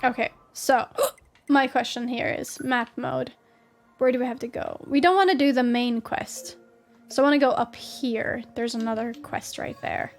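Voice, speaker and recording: Female streamer, high voice, hiccupping, casual and a bit foul-mouthed. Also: steady tone, normal speed, soft background music. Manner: apologetic, swears casually. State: has the hiccups. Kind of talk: casual live-stream gameplay chat.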